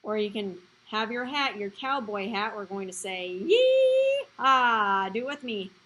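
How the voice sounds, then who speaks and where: Bright-voiced young woman teaching little kids. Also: medium pitch, moderate pace, poor audio. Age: young adult. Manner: encouraging, sing-out counting like a kids show host, addressing children simply. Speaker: primary school teacher. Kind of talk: live online lesson for young children. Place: small indoor room, video call. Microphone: computer mic on a video call.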